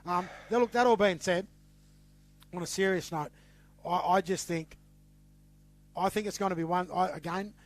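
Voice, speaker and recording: A man with an Australian accent, hosting a casual sports podcast, talking in a teasing, animated way and repeating words as he gets going. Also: high voice, normal speed, long pauses. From western New South Wales. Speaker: podcast host.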